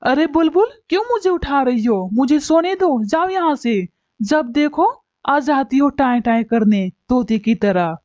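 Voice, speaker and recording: A woman's voice: high-pitched, lively intonation, a little slow, darkish tone, no room sound. A woman voicing a lazy, thieving male bird in a cartoon, a grumbling husband with a whiny manner. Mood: grumpy. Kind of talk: cartoon voice acting. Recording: dull lo-fi recording.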